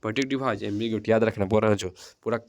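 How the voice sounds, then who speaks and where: A man's voice: fairly low pitch, fairly even intonation, racing. A young man teaching an English poem in Hindi, drilling exam answers by chanting key terms over and over and mixing English words into his explanations. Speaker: coaching center teacher.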